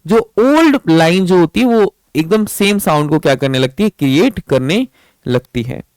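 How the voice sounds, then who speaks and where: A man teaching English grammar in an exam-prep lecture with an Indian accent, reading English lines slowly and then explaining them in Hindi, often asking a question and answering it himself. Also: high voice, animated, a little mellow, no room sound, poor audio.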